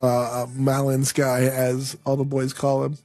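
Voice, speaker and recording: A man co-hosting a relaxed hockey chat, upbeat and quick to joke. His voice is warm and relaxed, recorded dry and close with no room sound. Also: mid-range voice, no room sound, soft background music. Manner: upbeat, joking, quick reactions. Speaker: podcast co-host. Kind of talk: casual sports chat.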